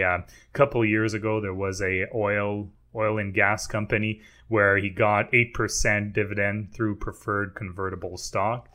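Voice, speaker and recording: A podcast co-host with a French Canadian accent talks through investing in a relaxed, explanatory way. His voice sits a little low but has a bright, forward edge. He pauses on fillers and restarts his sentences now and then. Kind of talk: casual podcast chat.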